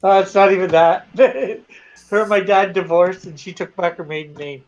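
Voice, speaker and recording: A man's voice: sits high, normal speed. A man from Canada chatting casually on a live stream, laughing often. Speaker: guest YouTuber. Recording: slightly dull lo-fi audio.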